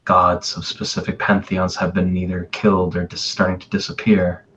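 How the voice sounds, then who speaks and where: A man's voice: deep voice, completely flat delivery, normal speed, fairly bright tone, highs cut off. A man voicing an earnest young woman adventurer. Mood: explaining.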